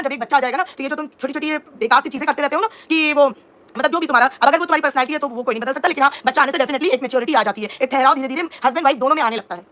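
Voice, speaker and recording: A woman's voice: high voice, fairly bright tone. A woman in her thirties livestreaming as a reaction vlogger, indignantly explaining herself and answering viewers' comments. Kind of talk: live-stream talk to viewers.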